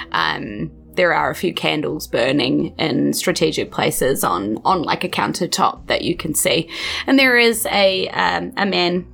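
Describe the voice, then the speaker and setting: Low, creaky-voiced woman narrating a game. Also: fairly bright tone. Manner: conversational, explanatory. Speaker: game master. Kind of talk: improvised narration of a tabletop game. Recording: music playing behind the voice. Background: music.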